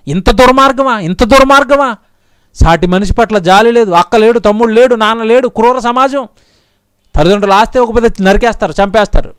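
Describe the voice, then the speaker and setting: A man's voice: extremely high pitch, smooth, dry recording, clean studio sound. A male pastor preaching a sermon in an impassioned, pleading way, repeating his lines over and over.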